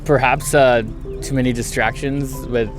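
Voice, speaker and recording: A man in his early thirties from San Francisco gives a street interview outdoors, thinking aloud in a measured, reflective way. His pitch sits in an ordinary middle range. Faint music plays behind him. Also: little pitch movement. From San Francisco, USA. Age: 30s. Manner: thoughtful, measured, with frequent ums. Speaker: interviewee, traveller.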